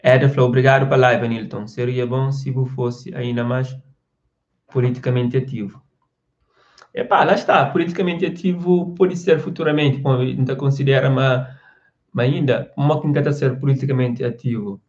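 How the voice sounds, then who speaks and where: A man's voice: mid-range voice, steady tone, normal speed, muffled recording. A man hosting a casual live stream, reading out viewer comments and talking at length, often stopping to ask "você entende?". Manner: rambling, with restarts and frequent "você entende?".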